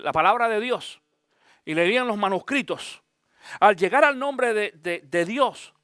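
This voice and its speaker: A man, a pastor, giving an animated Bible teaching, often asking his listeners direct questions. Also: high-pitched, no room sound, clean studio sound.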